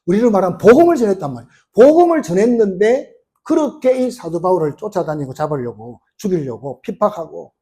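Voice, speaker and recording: A male pastor preaching, his voice set high and swinging widely up and down. He keeps firing rhetorical questions and retelling stories in homely, colloquial words, with a mellow, dark tone underneath. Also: very animated, fast, few pauses. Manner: colloquial storytelling, retelling scenes. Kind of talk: sermon.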